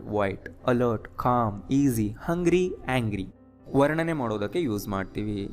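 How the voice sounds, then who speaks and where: A man explains English grammar at a steady, patient pace, checking often that his students follow along. His voice sits at an ordinary middle pitch. Soft music plays quietly beneath the lesson. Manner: patient, asks the class quick check questions. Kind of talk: online lesson in Kannada mixed with English.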